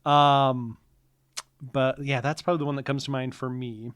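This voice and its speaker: A man's voice: mid-range voice, level tone, normal speed, a bit bright, smooth, dry recording. Joking male podcast co-host, dry sound. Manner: joking, conversational. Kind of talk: casual comic chat.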